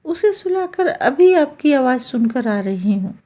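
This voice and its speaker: A dutiful, deferential young daughter-in-law, acted by a woman storyteller. She speaks politely in a high, mellow voice. Her delivery is slow. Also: sing-song, exaggerated voice. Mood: worried.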